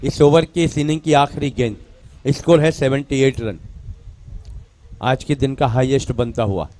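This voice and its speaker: A man's voice: medium pitch, steady tone, a little slow. A man with an Indian accent giving live commentary at a local cricket match and calling out to players over the PA. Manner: calls out to players and crew over the loudspeaker. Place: outdoor local cricket ground.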